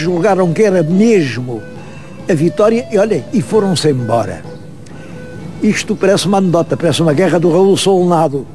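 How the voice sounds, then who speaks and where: A man with a European Portuguese accent, presenting history on location in a lively storytelling manner. His voice sits high for a man, and he points viewers toward details as he goes. Soft music plays faintly behind him. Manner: animated, vivid storyteller, addresses viewers directly.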